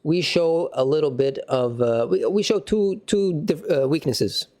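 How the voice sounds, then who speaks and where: A man hosting a casual football match reaction, animated and slangy, with excitable outbursts. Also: a little high, a little slow. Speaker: football fan channel host.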